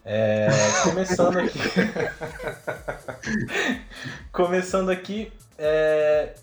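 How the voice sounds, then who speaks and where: A man's voice: on the high side, animated, drawn-out words, a loud crowd. A man hosting a show in a casual, chatty way. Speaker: show host. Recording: roomy sound with music behind.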